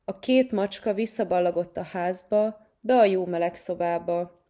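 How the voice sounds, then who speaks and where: A woman reading a children's story aloud in a gentle, measured way. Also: on the low side.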